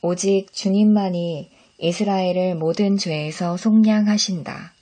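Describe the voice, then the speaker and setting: Calm woman reading scripture aloud. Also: lowish voice, a little slow. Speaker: scripture reader. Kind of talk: devotional Bible reading.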